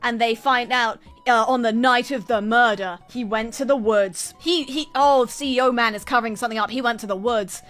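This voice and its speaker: A woman streamer chattering rapidly and nonstop, retelling a story in an animated, exasperated and dramatic way. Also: fairly high pitch, faint music behind. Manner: exasperated, incredulous, dramatic retelling with acted-out quotes. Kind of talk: animated rambling storytelling to an audience.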